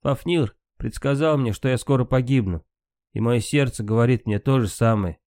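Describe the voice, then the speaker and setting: Brief: male narrator as a steady storybook hero, calm and grave, dry close sound. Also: medium pitch, normal speed, dry recording, lightly acted. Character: brave hero warrior, a man, grave and steady.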